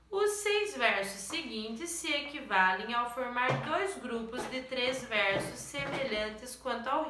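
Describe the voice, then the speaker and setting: High, lively woman teacher, slow and clear. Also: roomy sound, a little hiss or hum. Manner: explains slowly with checking questions to the students. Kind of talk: recorded lesson going over exercises.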